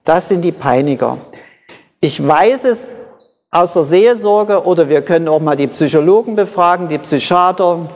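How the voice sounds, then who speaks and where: A preacher delivers a sermon in short, measured phrases and circles back to drive each point home. The voice sits at an ordinary middle pitch. A long reverb tail hangs behind every phrase, as in a church hall. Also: animated, darkish tone. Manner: explains in short phrases, repeats key points for emphasis.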